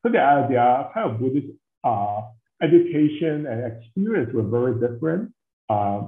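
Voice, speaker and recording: A man giving measured academic interview answers, pausing often with fillers and hedging phrases. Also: medium pitch, very animated. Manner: measured, hesitant, full of fillers and hedges. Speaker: interviewed scholar. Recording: tinny, echoey call audio.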